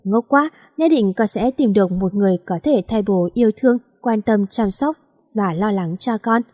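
A woman voicing a gentle, protective middle-aged father who speaks heartfelt words to his daughter in an audio story. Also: mid-range voice, normal speed, no echo, studio quality, close to an everyday voice. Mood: tender.

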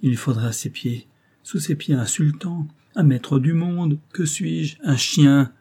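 A man's voice: fairly high pitch, a little slow, warm tone, husky, voice pushed up. A man voicing a young Afghan lover in a despairing, feverish inner monologue from a storybook. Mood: anguished. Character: young Afghan lover, anguished and self-abasing.

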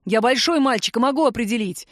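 A woman's voice: fairly high pitch, expressive, fast, no room sound, studio quality. A woman voicing an irritable, worried young man snapping at his friend, in an audiobook. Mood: irritated. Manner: gruff, snapping.

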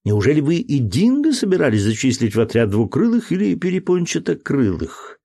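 A man reading aloud, voicing a kindly, amused lady passenger who teases gently. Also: on the high side, wildly swooping pitch, a little fast, creaky, pitched above the performer's own voice, heavily acted. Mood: gently teasing. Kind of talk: audiobook character voice.

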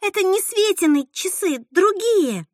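A woman's voice: extremely high pitch, lively intonation, no echo, clean studio sound, pitched above the performer's own voice. Woman voicing a timid, frightened teenage girl. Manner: timid, halting, quiet. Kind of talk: audiobook reading.

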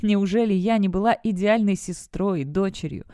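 A woman voicing a defiant, sharp-tongued young witch in an audiobook. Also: mid-range voice, normal speed, no echo, clean studio sound, close to an everyday voice. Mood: bitter. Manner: bitter, defiant. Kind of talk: audiobook character voice.

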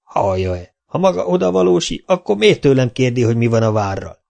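A man's voice: mid-range voice, animated, gravelly, a little mellow. A man reading an audiobook voices a skinny, polite old park keeper who gets flustered easily. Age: older.

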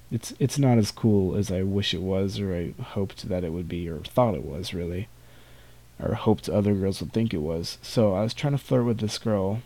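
A young man with a lowish, dark-toned voice hosts a podcast solo, casually telling rambling, self-mocking stories about school. He laughs now and then.

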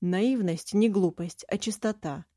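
A woman's voice: mid-range voice, measured pace, dark tone, dry recording, studio quality, natural voice. A woman voicing a stern, secretive young male mage who speaks in a curt, cutting way, in an audiobook reading.

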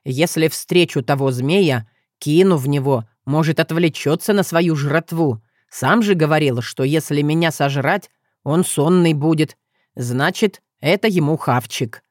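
A woman's voice: low voice, measured pace, darkish tone, no room sound, clean studio sound. A woman voicing a bewildered, athletic young man who talks bluntly in slang. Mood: musing.

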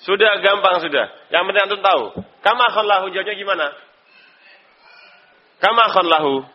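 A man's voice: high-pitched, normal speed. A man with an Indonesian accent teaching an Arabic language class, quizzing students by name and chuckling now and then. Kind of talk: live online Arabic class. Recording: dull lo-fi recording.

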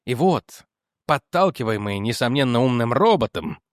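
A man's voice: very animated, normal speed, dry recording, studio quality, natural voice. A man reading aloud as a firm, persistent male investigator who presses his argument. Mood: insistent. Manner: firm, pressing, lowered in pitch.

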